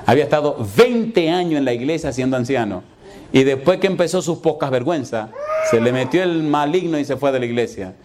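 A man's voice: mid-range voice, expressive, fairly quick, noisy background. A middle-aged male pastor who tells a story in his sermon, laughing often and putting questions to his congregation.

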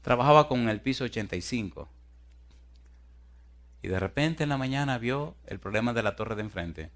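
A man's voice: mid-range voice, expressive, moderate pace. A man preaching a sermon, telling a story dramatically and pressing his listeners with fervent, emphatic questions.

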